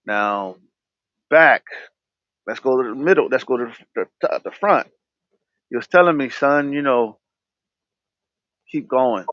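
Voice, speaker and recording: On his own podcast, a man speaks openly about personal matters with a stutter, often starting his words over. He has a medium-pitched voice and a measured pace with frequent pauses, recorded with no room sound and a dull, dry, lo-fi quality.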